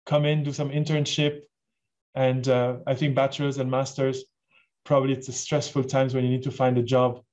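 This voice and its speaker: A man's voice: medium pitch, flat delivery, moderate pace, a little mellow. A man in his forties from Switzerland, hosting an online session in a chatty, enthusiastic way and asking the audience questions. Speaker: webinar host. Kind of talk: casual presentation on a video call. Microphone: video call. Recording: dull lo-fi video call audio.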